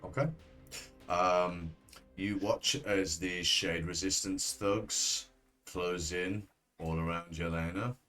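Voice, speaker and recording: A man with a fairly low voice narrates a tabletop role-playing game as game master. He feels his way through descriptions in a halting manner, with soft music playing underneath. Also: fairly even intonation.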